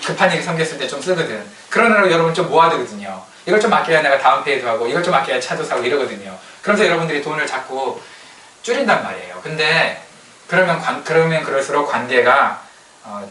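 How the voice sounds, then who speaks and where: A male pastor delivers a lively, conversational sermon in a forceful, bright voice set a little high. He is picked up from some distance in a roomy church hall, with faint ambience behind him. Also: fast, slight background noise. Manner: lively, colloquial preaching with acted-out quotes.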